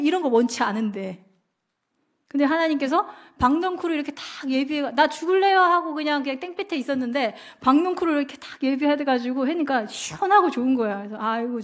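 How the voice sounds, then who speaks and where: A woman evangelist leads a Bible lesson in a loose, chatty way, asking the class question after question. Her voice sits somewhat high for a woman.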